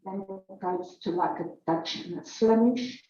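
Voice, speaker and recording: In an echoey church hall, a slow, mellow-voiced woman offers her personal testimony, her mid-range voice emotional, halting and self-correcting. Afrikaans is her first language, and a distant, dull mic picks her up along with slight background noise.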